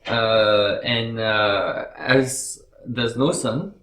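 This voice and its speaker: A man with a French accent, a podcast guest talking casually and explaining things in a measured way, with frequent fillers. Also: on the low side, steady tone, roomy sound, background noise. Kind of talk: casual chat.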